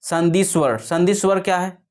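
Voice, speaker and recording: A man with a slightly raised voice teaches a lesson. He goes over each point again and again, stops to correct himself, and asks questions he then answers. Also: sits high. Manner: explains slowly with many repetitions and self-corrections.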